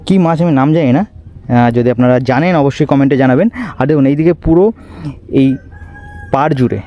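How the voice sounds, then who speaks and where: A man's voice: mid-range voice, a little fast, lo-fi sound. A man narrating a travel video outdoors by a river, pointing things out to viewers and chatting with locals. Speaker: travel vlogger. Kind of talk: walking tour narration. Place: outdoors by a river, village path and boat.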